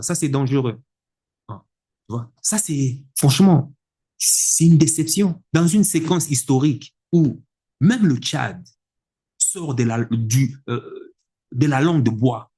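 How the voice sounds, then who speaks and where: A man delivering an indignant political opinion monologue, emphatic and repetitive, with a husky voice. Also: medium pitch, darkish tone. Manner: indignant, emphatic, repeats words for effect. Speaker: political commentator.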